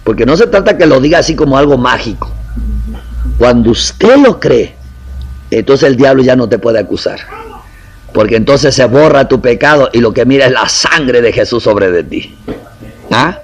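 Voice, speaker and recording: A man's voice: mid-range voice, expressive, moderate pace, husky, poor audio. A man preaching a sermon in a conversational way, acting out little quotes and asking the congregation questions.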